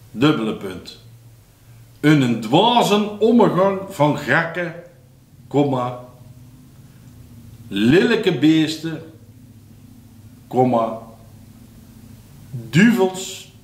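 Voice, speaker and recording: Slow man reading a dictation. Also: reverberant. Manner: reads each phrase slowly, then drops low to call out punctuation. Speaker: dictation reader.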